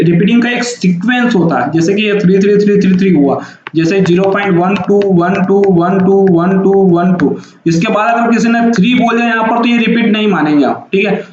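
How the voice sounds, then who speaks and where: A man's voice: high voice, darkish tone, slight background noise. A man teaching a maths lesson, explaining patiently and repeating each point with frequent checks. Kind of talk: classroom-style math lecture. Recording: very echoey, dull lo-fi room sound.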